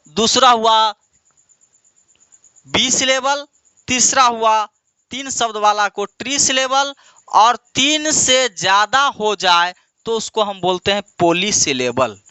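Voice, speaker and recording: It's a very high-pitched male voice, pushed and bright, clear and resonant, with no echo. An Indian teacher drills English grammar, repeating words at length, quizzing the class call-and-response style, answering his own questions and calling his students "my dear".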